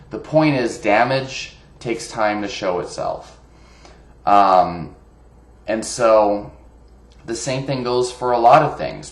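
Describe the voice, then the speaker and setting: A man talking casually about fitness in a rambling way, with many fillers and restarts. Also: fairly low pitch. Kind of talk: casual monologue. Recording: echoey room.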